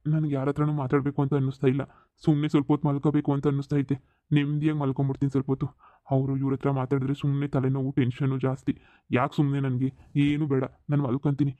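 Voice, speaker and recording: A man's voice: mid-range voice, completely flat delivery, fast talker, dark tone, no echo, natural voice. A man voicing a weary, regretful cartoon father. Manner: weary, regretful, speaks of lying down to rest. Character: ailing middle-aged father, cheated businessman. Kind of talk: cartoon voice acting.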